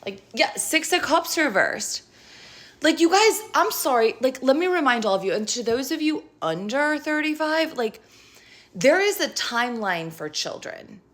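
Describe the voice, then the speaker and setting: A woman's voice: high-pitched, big pitch swings, measured pace, a bit bright. A woman reading tarot cards to her viewers in a casual rant, blunt, profane and sarcastic as she scolds them. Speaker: tarot reader.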